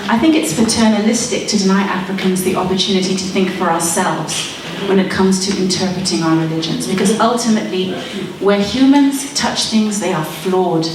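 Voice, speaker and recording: Her mid-range voice moves at normal speed with few pauses as she debates. She is in her thirties, from Malawi and brought up in Zimbabwe, and her speech is earnest and persuasive with wry asides. The mic is distant, the background noisy, and the hall very echoey.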